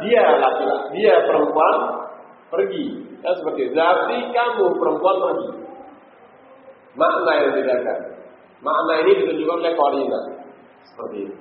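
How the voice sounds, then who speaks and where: A man teaching Arabic grammar to a class, quizzing the students often and checking that they follow. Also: high voice. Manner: quizzing students with frequent "hah?" and "paham ya?". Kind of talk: classroom study session. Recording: echoey hall on a tinny, lo-fi recording.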